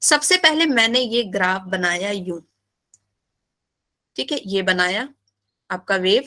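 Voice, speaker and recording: Lively bright-voiced woman teaching. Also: mid-range voice, slow pace. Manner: animated, playful, asks students questions. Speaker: biology teacher. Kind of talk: live class lecture.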